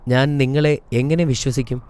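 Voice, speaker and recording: A man voicing an aged, grieving prophet father in a cartoon story, speaking in a sorrowful, measured way. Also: medium pitch, fairly even intonation, a little mellow, clear, resonant tone, lightly acted.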